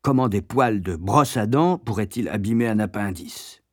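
A man narrating a memoir as an audiobook, with expressive, lively storytelling. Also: lowish voice, normal speed, husky, no room sound, studio quality.

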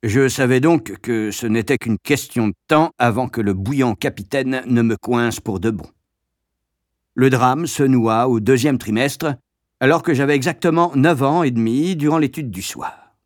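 Male narrator, measured wry reading, mid pitch, dry close sound. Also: no room sound. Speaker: audiobook narrator. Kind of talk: scripted memoir narration.

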